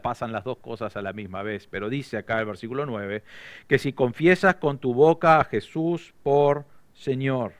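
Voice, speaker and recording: A man with an Argentine Spanish accent preaching an expository sermon as pastor, growing louder and higher for emphatic declarations. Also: smooth, no echo, studio quality.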